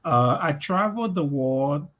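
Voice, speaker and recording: Slow-talking liberian guy, middle-aged, lots of uh pauses, interview guest. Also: on the high side, animated, a bit bright. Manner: slow, measured, with many "uh" pauses. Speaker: guest, community leader. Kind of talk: interview answers.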